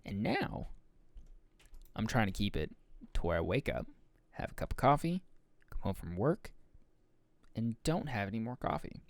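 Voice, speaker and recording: A young adult man hosts a solo podcast, rambling loosely through a casual monologue full of swearing, fillers, and self-corrections. His voice is fairly low with big pitch swings, normal speed, and frequent pauses. There is no echo.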